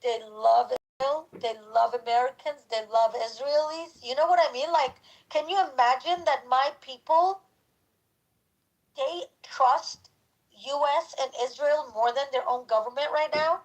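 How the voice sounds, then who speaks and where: A woman's voice: high-pitched, measured pace, poor audio. A woman in her forties talking in a casual live discussion, emphatic and repeating herself for stress. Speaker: panelist.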